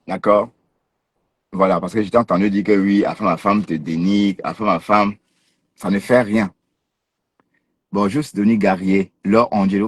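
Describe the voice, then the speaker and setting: A man talks straight at a rival on his livestream, teasing and challenging him. His voice sits a little low and comes out husky. He jeers and scolds in a casual, unscripted way. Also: no room sound. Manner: mocking, confrontational, teasing laughs. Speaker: livestream host.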